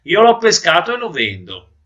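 A man's voice: high voice, huge pitch swings, moderate pace, fairly bright tone, muffled recording, voice pushed up, full character voice. A man voicing a stubborn fisherman who is haggling over a price, speaking bluntly and matter-of-factly.

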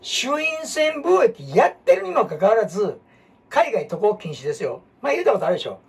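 A man with a Kansai accent, hosting a casual history talk as an animated storyteller who jumps between topics and asks rhetorical questions. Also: high-pitched, fairly quick. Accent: Kansai Japanese. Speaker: host. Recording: husky voice from far off the mic.

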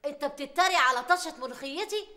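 A woman's voice: sits high, expressive, fast, sharp tone. An older actress with an Egyptian Arabic accent, playing a touchy mother who speaks indignantly.

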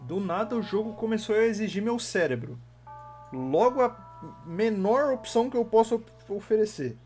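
Animated Brazilian streamer cursing over game music. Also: male voice, sits high, moderate pace. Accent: Brazilian Portuguese. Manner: swears often, talks to himself while solving puzzles, banters with chat. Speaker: gaming streamer. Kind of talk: live gameplay commentary.

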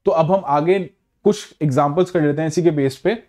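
A man teaches an exam-prep grammar lesson in a fairly high yet mellow voice. He reads example sentences slowly and then explains them at length, switching between Hindi and with frequent fillers.

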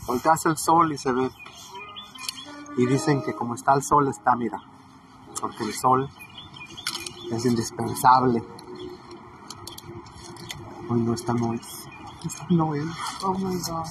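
A man's voice: medium pitch, measured pace, pauses often, lightly acted. A man with a Mexican accent playing a brash, crude, gossipy woman in a comedic character monologue. He rambles, swears and leaves sentences hanging. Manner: rambling, chatty, swears, trails off mid-sentence. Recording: distant mic with noisy ambience.

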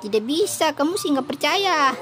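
A woman's voice: expressive, moderate pace, fairly bright tone. A woman voicing a cautious little cartoon boy who keeps warning and nagging his twin. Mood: scolding. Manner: warns and nags, high piping. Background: game music.

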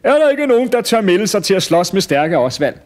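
A man doing a shouting carnival barker. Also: high voice, sing-song, voice pushed up. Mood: hawking. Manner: shouting, hawking. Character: loud adult male carnival barker.

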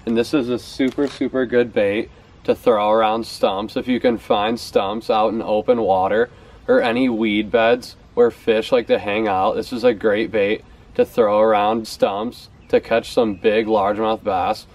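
This young adult man speaks at a measured pace in a lowish, slightly mellow voice. Showing his favorite fishing baits to the camera, he keeps things casual, often repeating words to stress them, from the back porch steps of a house outdoors.

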